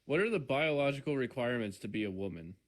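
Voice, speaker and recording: A man's voice: medium pitch, animated, fast. A man hosting a casual live-stream debate, pressing callers with blunt questions.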